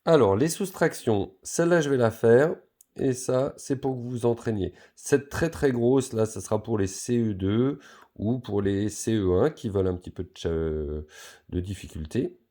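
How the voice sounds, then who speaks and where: A man teaching a recorded primary school lesson, patiently explaining step by step with a lively, rising and falling delivery. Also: fairly low pitch, normal speed.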